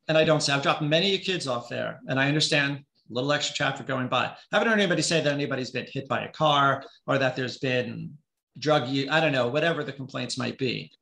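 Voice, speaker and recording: A man's voice: medium pitch, fast talker, creaky, bright, forceful tone, echoey room. A middle-aged man, a town youth director, giving passionate, pleading public comment at a zoning hearing over a video call. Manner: passionate, pleading, emphatic repetition.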